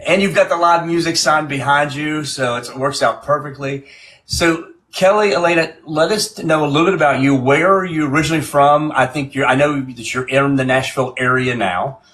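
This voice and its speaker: A man's voice: a little high, fairly quick, a bit bright. A man hosting a live-stream music show in a casual, chatty way, often repeating and restarting his phrases.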